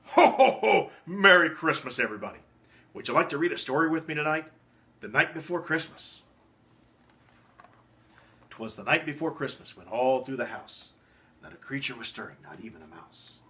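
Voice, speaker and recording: Man playing a bright, jolly Santa Claus storyteller. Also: on the high side, moderate pace, pauses often, full character voice. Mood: jolly greeting. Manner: jolly, expressive, with dramatic emphasis. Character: jolly, hearty old Santa Claus reading a bedtime story. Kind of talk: theatrical storybook reading. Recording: faint background noise.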